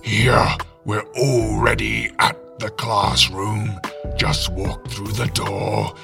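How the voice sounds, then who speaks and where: Anger as a curt, irritable emotion, voiced by a man. His voice is low and gravelly and drags very slowly. Music hums underneath. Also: level tone, sharp tone, full character voice. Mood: fed up. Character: grumpy male emotion of anger, short-tempered.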